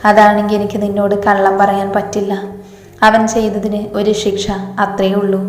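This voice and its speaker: A man's voice: sits high, natural voice. Give us , as a woman narrating, a protective young husband, tender and teasing, with a level delivery in a roomy hall. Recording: echoey hall reverb.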